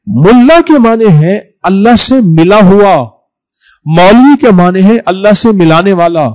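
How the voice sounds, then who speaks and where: A man delivers a sermon in a fairly high voice. He repeats phrases for emphasis, pushing some words out loudly and letting others drop low and quiet. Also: rough recording. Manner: repetitive, emphatic, swings between loud stresses and soft drops. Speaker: preacher.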